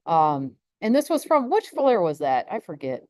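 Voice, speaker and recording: A woman's voice: fairly low pitch, big pitch swings, normal speed, a little mellow, no room sound. A woman hosting a casual live stream about space weather, rambling with many restarts and laughs.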